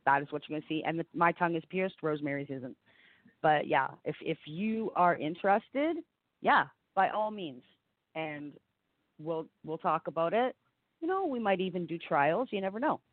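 A woman's voice: fairly low pitch, lively intonation, normal speed, dry recording. Female podcast co-host, informal and chatty, dry sound with thin telephone-like band. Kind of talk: casual chat. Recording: tinny, phone-like dry connection.

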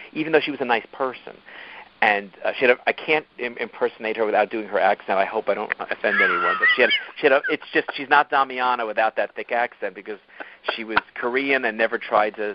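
A man, a team-building coach, telling stories animatedly as an interview guest, often jumping up in pitch for emphasis. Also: lo-fi sound, slight background noise. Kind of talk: interview storytelling.

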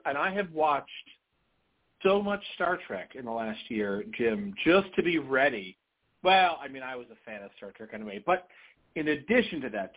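Chatty American man on a tinny phone line. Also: mid-range voice. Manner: chatty, emphatic storytelling. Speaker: podcast guest, convention organiser. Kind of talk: casual phone interview chat. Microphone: phone call.

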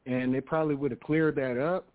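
A man's voice: mid-range voice, fairly even intonation, a little fast. An American man giving casual, emphatic music critique and advice, repeating his points. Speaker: panelist on a music review radio show. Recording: tinny, narrow phone-line sound.

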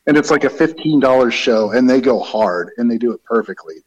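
A man's voice: mid-range voice, animated, a little fast, dull audio. A man in casual, joking chat as a radio show guest, calling in from a living room full of reverb. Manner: joking, playful. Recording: echoey reverberant room, off mic.

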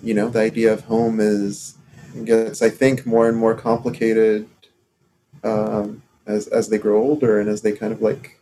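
A man from Morocco co-hosting a casual podcast discussion, talking in halting stops and starts with many fillers. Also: fairly low pitch, completely flat delivery, mellow, a little hiss or hum. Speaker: podcast co-host.

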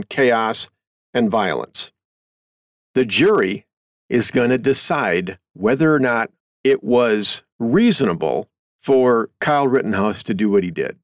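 A man's voice: medium pitch, no echo, clean studio sound. A middle-aged man hosting a show, reading a news article aloud and commenting on it in a folksy, conversational way. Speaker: host.

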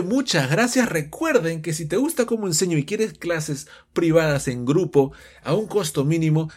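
Male English teacher, husky, bouncy lively delivery, playful. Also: a little high. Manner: animated, switches between explanation and English example phrases; playfully acts out students' questions in raised voices. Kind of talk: online English lesson for Spanish speakers.

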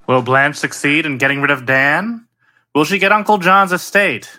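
A man's voice: fairly high pitch, fairly even intonation, moderate pace, sharp tone. A man narrating dramatically as an old radio announcer.

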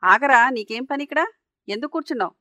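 A woman voicing a harsh, bullying middle-aged aunt in a told story, scolding and shouting sarcastically. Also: sits high, fast, no echo, clean studio sound, pitched above the performer's own voice, natural voice. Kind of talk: storytelling narration.

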